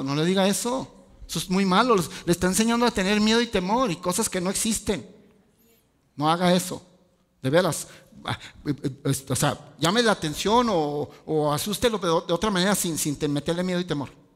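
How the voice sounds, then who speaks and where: Pastor guy preaching, high voice, big hall reverb. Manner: lively preaching with rhetorical questions and asides. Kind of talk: sermon.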